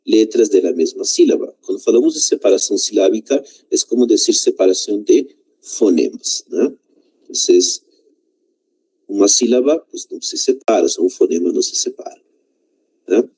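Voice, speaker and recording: A man's voice: lowish voice, mellow, slightly rough, poor audio. A man whose first language is Spanish, teaching a Portuguese lesson and often slipping Spanish words in, checking in with "né?" and "tá?".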